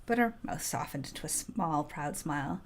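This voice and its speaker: A woman's voice: deep voice, animated, moderate pace, gravelly. A woman expressively reading the text of a story game aloud.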